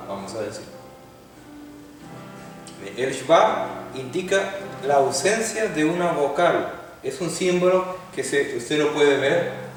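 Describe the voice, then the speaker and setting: A man's voice: on the high side, distant mic. Man teaching Hebrew in an echoey hall. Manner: patient, explains step by step, asks students questions. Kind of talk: classroom lecture.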